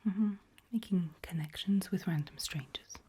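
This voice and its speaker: In this ASMR roleplay, a woman plays a calm HR interviewer at an evil organisation, politely sinister in tone. She whispers and murmurs softly, measured and deliberate, leaving pauses. Her voice is a breathy whisper with gentle low murmurs.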